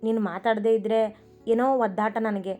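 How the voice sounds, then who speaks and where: A woman's voice: a little high, steady tone, normal speed, mellow, natural voice. A woman voicing a loving young husband who apologizes tenderly to his wife in a storybook reading. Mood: pleading. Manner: pleading, affectionate, apologetic. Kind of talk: storybook narration with voiced characters. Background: faint music.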